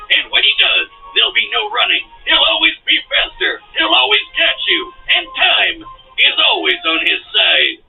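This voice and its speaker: A man narrates in a high, wildly swinging voice, punching words with sudden shouts. His voice is gravelly and sounds far away, squeezed through a tinny, phone-like playback. Music plays behind him. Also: huge pitch swings, normal speed. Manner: dramatic, punchy delivery with sudden shouted emphasis. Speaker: show narrator. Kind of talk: scripted narration and sponsor read.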